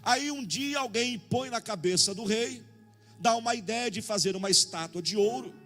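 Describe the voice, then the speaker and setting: A man with a Brazilian Portuguese accent preaching a sermon in a jokey, animated way, acting out little dialogues and calling out to the congregation. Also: high-pitched, moderate pace, soft background music. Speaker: pastor. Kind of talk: sermon with humorous anecdotes.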